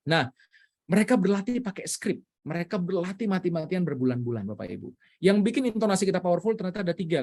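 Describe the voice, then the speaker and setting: Indonesian guy coaching a zoom class, kinda high voice, lots of energy, mixes in english words. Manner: energetic, swings pitch for emphasis, mixes in English phrases. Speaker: public speaking coach. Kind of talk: online workshop lecture. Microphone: video call.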